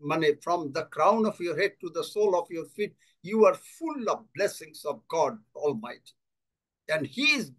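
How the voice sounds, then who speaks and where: With a high-pitched, fairly bright voice, this man gives a bilingual church sermon, translating his own words from one language to the other. He speaks slowly and with emphasis, returning again and again to key phrases.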